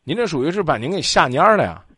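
A man's voice: fairly high pitch, rapid-fire, slightly rough, dry recording, clean studio sound. A man hosting a call-in advice show, talking bluntly and scolding the caller. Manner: blunt, lively, scolding, acts out quotes. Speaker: radio advice show host.

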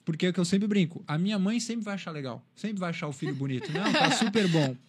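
A man from São Paulo, an interview guest telling animated stories and acting out what others said. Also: high voice, quick pace. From Brazil, São Paulo. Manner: animated storyteller, acts out quotes. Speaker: interview guest, cycling content creator. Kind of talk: casual interview chat.

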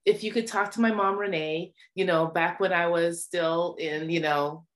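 A woman hosts an interview, thanking her guest in a halting, filler-heavy way. Her voice sits a little low. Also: steady tone. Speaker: host. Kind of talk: casual interview.

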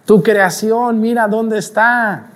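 A man voicing a gloating male devil who taunts God, with a high, mocking, cackling manner. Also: slow, slight background noise.

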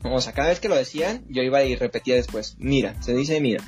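Brief: Mexican male podcast host, casual banter, animated storyteller who jokes and curses, faint music behind. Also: medium pitch, fast. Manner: animated storyteller, joking and swearing. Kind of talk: casual chat.

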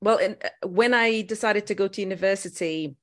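A woman's voice: medium pitch, a little fast. Portuguese-accented midlife woman, podcast guest. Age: middle-aged. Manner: thoughtful, many fillers and restarts. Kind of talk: casual interview.

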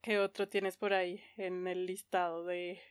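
A woman's voice: on the low side, little pitch movement, a little slow, clear, resonant tone, no room sound, studio quality. A young woman, chatting casually as a podcast co-host in a playful, giggly manner. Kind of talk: casual chat about anime.

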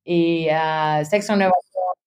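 A woman's voice: fairly low pitch, steady tone, slow pace, darkish tone. A woman in her thirties from Spain, a guest in a conversational interview, chatty and mixing English business terms into her talk. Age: 30s. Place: London.

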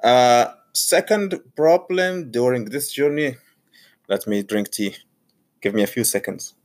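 Speaking casually about learning English, this man from Saudi Arabia, an Arabic-speaking graduate student who also teaches, talks in a personal monologue. He has a mid-range voice and frequently stalls, repeating himself or starting phrases over.

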